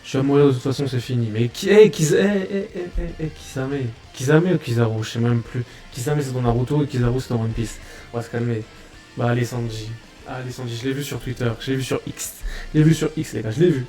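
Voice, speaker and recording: A man hosting a reaction video, chatting casually in excitable, slangy banter and repeating his own phrases. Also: medium pitch, fairly quick, soft background music.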